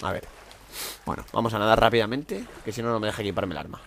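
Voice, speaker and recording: Excitable Spanish man commentating gameplay. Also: fairly low pitch, fast talker, vocal fry, a little hiss or hum. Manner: excitable, talks to himself while playing, sudden loud outbursts. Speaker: gameplay streamer.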